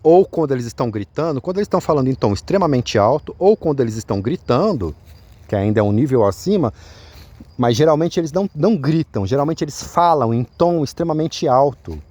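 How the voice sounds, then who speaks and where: A man's voice: mid-range voice, lively intonation, fairly quick, warm tone, no room sound. A man with a Brazilian accent telling viewers a personal account, repeating himself insistently and speaking straight to his listeners. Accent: Brazilian Portuguese. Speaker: vlogger.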